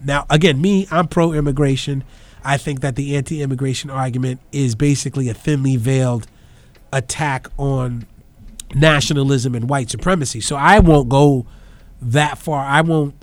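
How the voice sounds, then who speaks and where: A man's voice: a little high, no room sound. Man with New York accent, close dry sound. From the Bronx, New York. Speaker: commentator. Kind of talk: informal political and cultural commentary.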